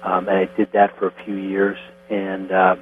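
A middle-aged man from Connecticut speaks as a guest distiller, walking through his work step by step in an unhurried, plain way. His voice sits low. It comes over a thin, phone-like line with a steady electrical hum behind it. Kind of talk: phone interview.

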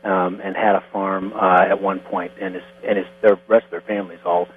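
A middle-aged man from Connecticut, a distiller being interviewed, explaining things step by step in a plain, unhurried way. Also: low-pitched, flat delivery. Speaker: guest, distiller. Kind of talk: phone interview. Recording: tinny phone line with mains hum.

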